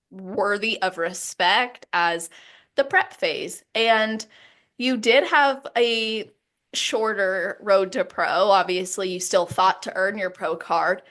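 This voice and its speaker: A woman's voice: medium pitch, a bit bright. A woman hosting a podcast, asking long reflective questions in an affirming way. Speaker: podcast host. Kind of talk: casual interview questions.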